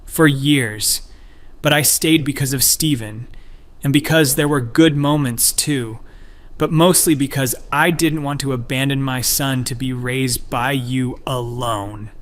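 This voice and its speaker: A man's voice: medium pitch, measured pace, close to an everyday voice. A man narrating a hurt, angry husband. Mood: reproachful. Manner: raised, reproachful voice.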